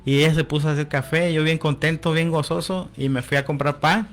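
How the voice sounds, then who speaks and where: A man's voice: fairly high pitch, fairly even intonation, a little fast, soft background music. A man telling his personal testimony as a radio guest, often adding "amén" and quoting conversations. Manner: storytelling, with frequent "amén" and quoted dialogue.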